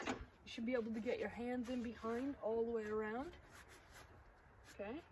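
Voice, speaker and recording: A woman's voice: a little high, level tone, normal speed, a little mellow, slight background noise. A middle-aged woman outdoors beside a sawmill, explaining maintenance steps in a practical, encouraging way, recorded on a camera mic. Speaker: sawmill owner demonstrating maintenance. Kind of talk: hands-on instructional video.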